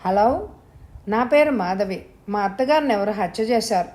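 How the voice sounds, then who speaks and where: A young wife speaks in a calm, measured way, composed even in a crisis, read by a woman storyteller. Her delivery stays close to the reader's own. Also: medium pitch, natural voice.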